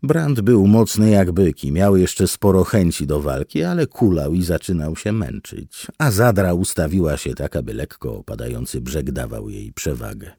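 A man giving expressive, scripted audiobook narration. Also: low-pitched, moderate pace, hardly any pauses, husky, dry recording, clean studio sound. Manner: expressive storytelling with wide swings.

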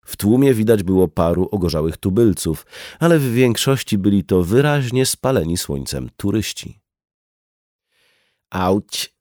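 A man reading a novel aloud as narrator, in an even, measured storytelling manner. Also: lowish voice, no room sound, studio quality. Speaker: audiobook narrator. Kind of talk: scripted narration.

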